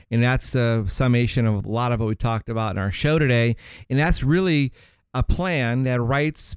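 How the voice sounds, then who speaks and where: A man's voice: medium pitch, darkish tone, clean tone, no room sound. A man hosting a talk radio show, explaining retirement planning in a rambling, conversational way and often restarting words.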